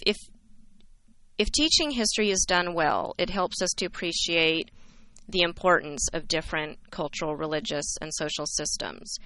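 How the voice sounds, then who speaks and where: A woman's voice: low voice, a bit bright, clear, resonant tone, rough recording. A woman from California, a history instructor answering interview questions in an earnest, reflective way.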